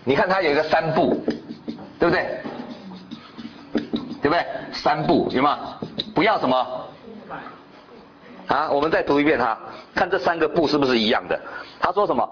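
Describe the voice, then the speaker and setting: Lively, questioning male preacher. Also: a little high, normal speed. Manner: animated, quizzing the congregation with repeated rhetorical questions. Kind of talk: sermon. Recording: dull lo-fi recording.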